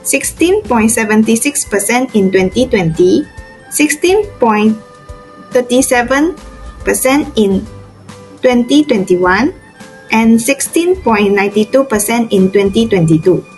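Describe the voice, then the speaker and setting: A young woman reading documentary narration full of figures, slow and careful over the numbers. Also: fairly high pitch, lively intonation, a little mellow, soft background music, low-quality recording. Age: young adult.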